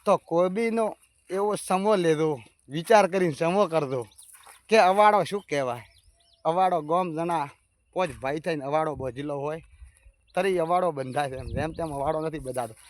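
A man's voice: on the high side, normal speed, no echo. A man gives a folk moral sermon. He hammers each point home with repeated phrases and keeps calling out to his listeners as brothers. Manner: repetitive, emphatic, addressing listeners as brothers.

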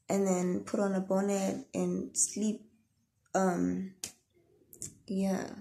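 A tired young woman from Namibia chatting to camera at the end of her vlog. Her voice is low-pitched and gravelly, with a mellow, dark tone. She rambles softly, with plenty of ums and yeahs. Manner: soft, rambling sign-off with many fillers. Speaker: vlogger. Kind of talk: casual chat to camera.

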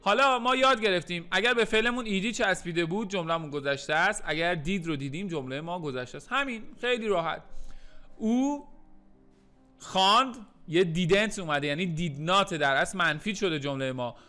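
A man teaching English in a recorded lesson, repeating English phrases slowly and then explaining them, with playful joking asides. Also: high-pitched, sharp tone. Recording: faint music underneath.

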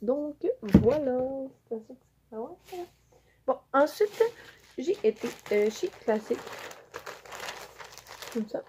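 A high-pitched, expressive young woman speaks slowly with long pauses, her Quebec French accent clear as she chats through a haul video. She's a vlogger showing items to the camera, using many fillers along the way. The sound is dull and lo-fi, with faint noise.

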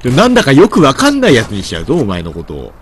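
A man's voice: mid-range voice, huge pitch swings, very fast, a little hiss or hum. Guy commentating a game, stuffy nose, grumbles and scolds stuff, voice bounces up and down a lot. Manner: grumbling to himself, mock-scolding game characters. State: stuffy nose from hay fever. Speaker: gameplay commentator. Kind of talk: gameplay commentary.

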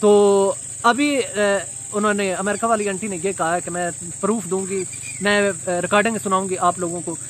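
A man in his thirties giving a casual commentary vlog outdoors beside a brick wall, recorded on a phone camera, pausing often with fillers. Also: high voice, fairly even intonation, a bit bright, a little hiss or hum. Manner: hesitant, many filler pauses. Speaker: vlogger. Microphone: phone camera at arm's length.

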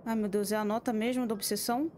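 A woman's voice: medium pitch, steady tone, quick pace, darkish tone, slight background noise. A Brazilian woman streaming a horror game, talking to herself in casual commentary, swearing often and jumping at scares. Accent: Brazilian Portuguese. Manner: swears a lot, jumpy and exclamatory.

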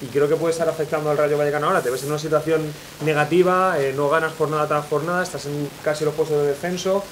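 A man's voice: fairly high pitch, fairly even intonation, fast, slight background noise. A man in a casual panel discussion in a restaurant, arguing animatedly and pressing his case with rhetorical questions. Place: restaurant dining room, indoors.

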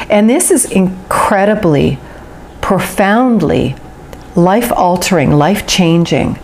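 A woman's voice: medium pitch, a little mellow, a little hiss or hum. Earnest woman giving a tarot reading. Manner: flowing, earnest, drawn-out emphatic words. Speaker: tarot reader. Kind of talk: intuitive tarot reading to camera.

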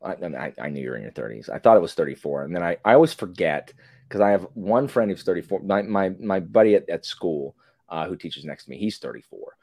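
A man in his forties joins a podcast by video call as a guest, chatting in an animated, rambling way and interrupting himself. He talks fast in a low, creaky, slightly rough voice, recorded at studio quality with no room sound.

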